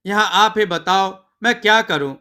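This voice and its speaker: Male narrator as a simple, earnest village bride, light and bright-toned. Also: sits high, normal speed. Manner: earnest, rustic village speech. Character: naive young village bride.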